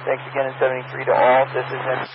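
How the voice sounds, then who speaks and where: A man working as amateur radio net control, halting with fillers, heard over a ham radio with static. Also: mid-range voice. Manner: flat and halting, with many fillers. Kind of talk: radio net procedure and casual on-air chat. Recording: muffled radio transmission with loud static.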